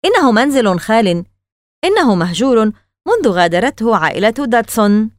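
A woman voicing a spirited twelve-year-old girl who asks sharp, indignant questions in a storybook reading. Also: a little high, sing-song, a little fast, dry recording.

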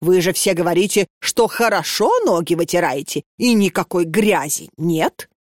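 Grouchy old dorm watchwoman in an audiobook, scolds slow and low, read by a woman. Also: a little mellow, no echo, studio quality, lightly acted. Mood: grumbling.

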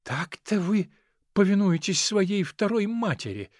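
A man's voice: high voice, animated, a little slow, a little mellow, no room sound, studio quality, voice pushed up. A man voicing a pompous male tutor speaking in a tragic, reproachful tone.

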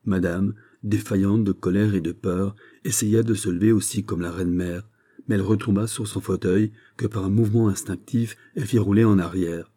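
Male audiobook reader, measured, deep dark husky voice. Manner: measured, steady reading. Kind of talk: scripted narration.

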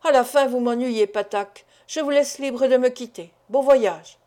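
Lady reading as a stubborn young forest guy, curt and firm, higher voice. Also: unhurried, a little mellow. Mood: determined. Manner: curt and determined.

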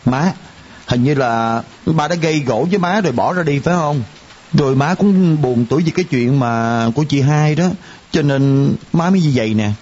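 Actor voicing a worried young son, husky and fairly high, dull lo-fi radio play sound. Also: male voice, normal speed, a little mellow, natural voice. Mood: anxious. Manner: pressing, anxious questions. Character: concerned grown son. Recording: dull lo-fi radio drama recording.

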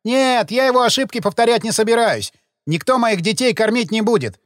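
A man's voice: sits high, expressive, brisk, fairly bright tone, dry recording, clean studio sound, voice pushed up. A man reading an audiobook, voicing a sullen, frightened male cemetery laborer who talks in agitated, defensive, slangy bursts. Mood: defiant.

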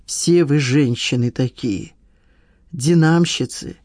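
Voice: medium pitch, takes it slowly, darkish tone, dry recording, studio quality. An audiobook reader voicing a petty, self-pitying man who whines and defends himself. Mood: whiny. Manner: aggrieved, defensive, whining. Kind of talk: audiobook dialogue.

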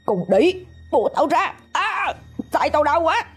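A spoiled, brutal young man snarls and yells in a strained high voice, performed by a woman storyteller. The delivery is rushed and husky, with a dark, breathy color. It is a spoken horror story read over faint music. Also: big pitch swings. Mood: raging. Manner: snarling, shouting.

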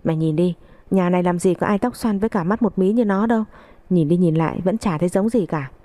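A crude, sharp-tongued old mother-in-law scolds the household, as a woman reading the story puts her on. The voice sits lowish and mellow, and the talk is blunt and rough. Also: fast, dry recording, lightly acted. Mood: scolding.

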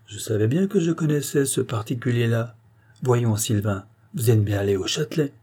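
A man's voice: mid-range voice, animated, moderate pace, warm tone, husky. A man voicing a brash, boisterous working-class tram driver in an audiobook.

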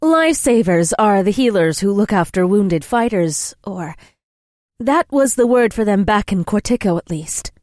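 A man's voice: high-pitched, lively intonation, moderate pace, no echo, studio quality, pitched above the performer's own voice. A man voicing a young princess who speaks in a formal, earnest way.

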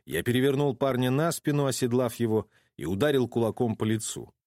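A man giving dramatic first-person audiobook narration with an expressive, tense delivery. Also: medium pitch, fairly quick, no room sound, studio quality.

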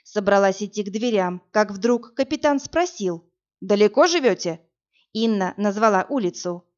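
A woman doing scripted audiobook narration in an even, measured storytelling manner. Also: mid-range voice. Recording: dull lo-fi audiobook recording.

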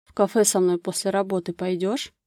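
A woman voicing a passionate, insistent male lover in an audiobook romance, speaking in a low, breathy, coaxing whisper. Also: little pitch movement, fairly quick, mellow, no echo, studio quality, natural voice.

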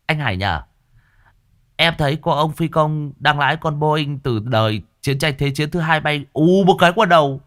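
A man voicing a cheeky, shameless drunk young man who talks in a high, brash, teasing voice. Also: big pitch swings, slow, pushed and bright, heavily acted. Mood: smug.

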